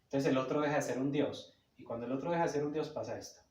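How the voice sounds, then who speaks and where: A man's voice: mid-range voice, fast talker, a little mellow. A man explaining psychoanalytic ideas in a didactic, emphatic way. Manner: didactic, emphatic, checks in with "cierto?". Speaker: psychoanalysis lecturer. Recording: roomy echo, a bit far from the mic.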